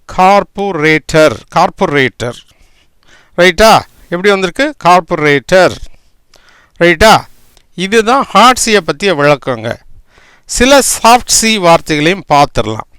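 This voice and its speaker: A man's voice: high voice, fairly bright tone, no room sound, clean studio sound. A man teaching English spelling and pronunciation, spelling words out letter by letter and often checking with "right?".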